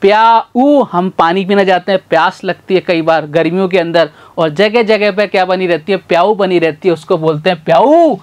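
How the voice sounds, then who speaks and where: A man teaching a literacy lesson in a folksy, repetitive call-and-response way. He sounds out syllables slowly and calls his learners brother and sir. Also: high voice. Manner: slow, sounds out syllables one by one.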